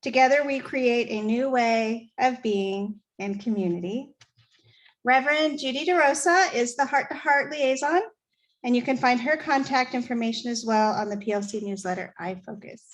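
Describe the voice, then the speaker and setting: A woman's voice: a little high, normal speed. A woman hosting a church service, giving friendly announcements and leading the congregation in prayer.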